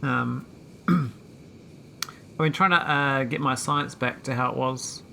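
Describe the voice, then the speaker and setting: A man chatting casually while streaming a game, rambling with many pauses and talking to his viewers. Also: medium pitch, gravelly, pushed and bright, slight background noise. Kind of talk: casual live-stream chat.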